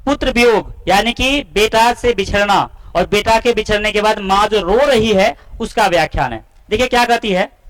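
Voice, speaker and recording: A man's voice: sits high, moderate pace, a bit bright, rough recording. A man teaching a class lesson, asking students questions and then answering them himself. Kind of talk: classroom-style lesson explanation.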